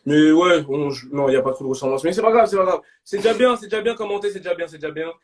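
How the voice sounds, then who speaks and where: A young man hosting a live stream in casual banter, slangy and bursting into shouts. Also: on the high side, very fast.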